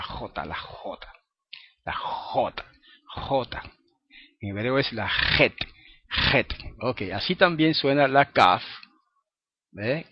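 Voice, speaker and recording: A man's voice: mid-range voice, dry recording. A man teaching a recorded lesson, explaining patiently and often checking in with the listener. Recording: dry, dull lo-fi recording.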